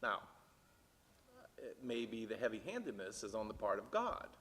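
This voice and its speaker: A man leading a church Bible discussion, thinking aloud with halting restarts and growing animated when he reads the text aloud. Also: fairly low pitch, a little hiss or hum. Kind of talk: casual discussion. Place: church meeting room. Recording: church room with long reverb.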